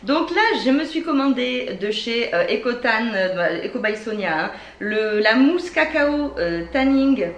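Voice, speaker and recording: A woman's voice: fairly high pitch, expressive, unhurried, hardly any pauses. A woman with a French accent, chatting enthusiastically through a beauty product haul, with many fillers. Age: adult with children. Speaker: beauty vlogger. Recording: echoey room, faint ambient noise.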